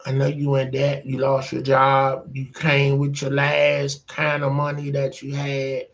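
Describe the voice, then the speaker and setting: A man voicing a smooth, persuasive rich man in a retold story, speaking in a low, coaxing way. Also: completely flat delivery, unhurried, muffled recording, natural voice.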